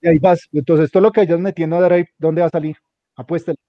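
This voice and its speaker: Speaking fast in a steady tone, the male instructor's voice sits on the high side as he runs a hands-on computer class. He gives directions one step at a time and repeats them frequently, heard in a dull, dry, lo-fi recording.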